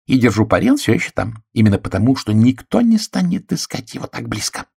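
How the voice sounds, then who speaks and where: A man reading an audiobook, voicing a sharp, bossy middle-aged woman who scolds and insists, in a raised voice. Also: medium pitch, big pitch swings, fast talker, creaky, husky, no echo, clean studio sound, voice pushed up, full character voice. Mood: insistent.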